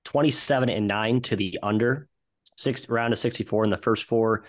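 A man's voice: on the low side, moderate pace, no room sound, clean studio sound. A man giving betting picks as an analyst in casual sports chat.

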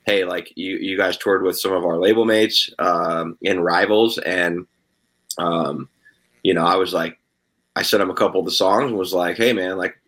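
A man who is a guest musician on a podcast, rambling in a relaxed way with many fillers. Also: low voice, moderate pace, poor audio. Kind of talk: casual interview chat.

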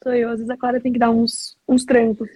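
A woman chatting casually on a live stream, excitable and anxious, laughing often. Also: fairly high pitch, a little fast, no echo.

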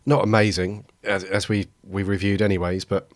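A man hosting a casual podcast, his voice croaky and raspy from a head cold, a touch of man flu. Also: sits low, level tone, moderate pace, no echo. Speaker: podcast host.

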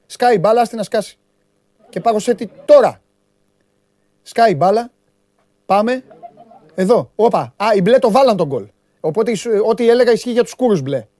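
A man hosting a sports TV show, giving lively, joking commentary on amateur football clips and bantering with his studio crew. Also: high voice, dry recording. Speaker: sports TV host.

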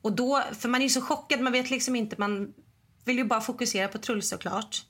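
Chatty woman telling a story. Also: fairly high pitch. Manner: lively storytelling, often acts out what people said. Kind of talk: casual chat, telling a story.

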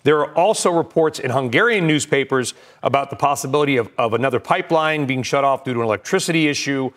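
An American man anchoring live business news, giving rapid market updates and breaking-news commentary in short, clipped phrases. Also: medium pitch, a bit bright.

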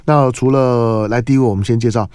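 A man's voice: mid-range voice, steady tone, brisk, a little mellow, clear, resonant tone, no echo. A man with a Taiwanese Mandarin accent hosting a casual morning radio show, often repeating and restarting his phrases. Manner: repeats and restarts phrases, punctuates with filler particles. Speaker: radio host.

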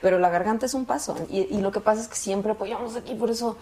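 A woman's voice: mid-range voice, fast, darkish tone. A woman, an actress and singer chatting as a guest and earnestly explaining vocal technique. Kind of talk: casual chat.

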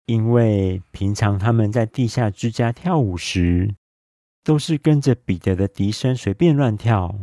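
A man narrating a bedtime story in a soothing, calm and even way, as a dad telling stories to help listeners sleep. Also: on the low side, dry recording, studio quality.

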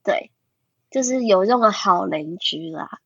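一位二十多歲、帶台灣口音的女性播客主持人，說話沙啞，語氣隨意，常用口頭禪和重複。. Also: female voice, mid-range voice, expressive, unhurried, gravelly, a bit bright, breathy edge, no room sound. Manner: chatty, many fillers and restarts, laughs often. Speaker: podcast co-host. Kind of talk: casual podcast chat. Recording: dull, lo-fi podcast audio.

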